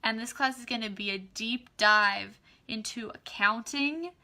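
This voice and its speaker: Bright, excitable woman on a live stream. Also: a little high, a little slow. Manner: excited, gushing, many fillers. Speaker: online class facilitator. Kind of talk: casual live video talk.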